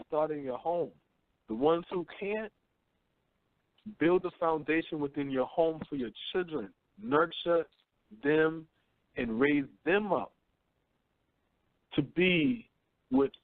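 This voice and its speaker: A man's voice: a little high, no echo. A man in his thirties hosting a call-in radio show, talking bluntly and profanely, preaching and often asking "you know what I'm saying.". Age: 30s. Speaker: radio host. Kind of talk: casual call-in radio talk. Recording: tinny phone-line audio.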